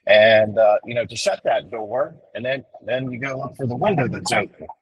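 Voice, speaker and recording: A man calling in while driving, his voice on glitchy call audio that keeps breaking up, talking haltingly with restarts. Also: mid-range voice, breathy edge, highs cut off. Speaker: caller. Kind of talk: call-in comment on a faith show.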